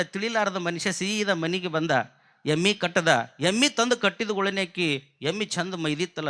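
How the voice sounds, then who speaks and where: Bright-voiced North Karnataka preacher. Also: male voice, high-pitched. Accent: North Karnataka Kannada. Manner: lively folksy storytelling, asks the audience questions. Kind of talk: storytelling sermon.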